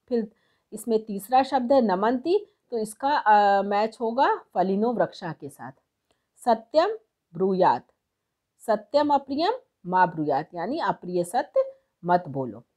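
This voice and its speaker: A woman teaching as a tutor, explaining textbook exercises step by step and slowing down to read verses aloud. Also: mid-range voice, darkish tone. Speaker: Sanskrit tutor.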